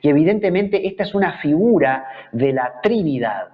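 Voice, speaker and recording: A man's voice: a little high, expressive, moderate pace. A man with a Rioplatense Spanish accent teaching a Bible study, explaining patiently and repeating words as he searches for the next one. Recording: dull lo-fi recording.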